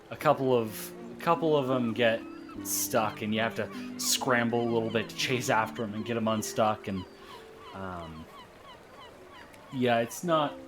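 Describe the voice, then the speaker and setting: A man's voice: fairly low pitch, a bit bright. A man running a tabletop game as game master, hesitant and full of fillers. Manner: slow, halting, many fillers.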